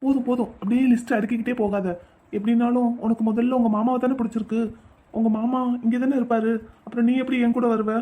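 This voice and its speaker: A woman's voice: a little high, fairly even intonation, quick pace, mellow, close to an everyday voice. A woman voicing a moody but kind teenage village boy in a cartoon. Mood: gentle.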